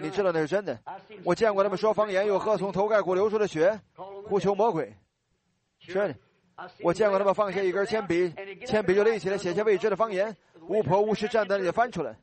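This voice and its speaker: A man preaching a sermon and giving an altar call, earnest and pleading, repeating blessings over the people who stand. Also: high-pitched.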